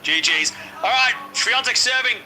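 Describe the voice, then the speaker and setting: Man, live tennis watch-along streamer, high voice, excitable, talks to his chat, faint background noise. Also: normal speed. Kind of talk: casual watch-along play-by-play commentary.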